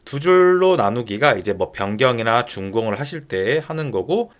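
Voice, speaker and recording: In a medium-pitched voice, a man walks through an informal screen-share software tutorial step by step. He often poses questions and then answers them himself.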